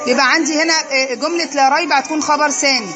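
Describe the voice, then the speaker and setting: Brisk high-voiced Egyptian woman teacher. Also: steady tone. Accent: Egyptian Arabic. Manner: poses questions then answers them herself. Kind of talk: classroom lesson.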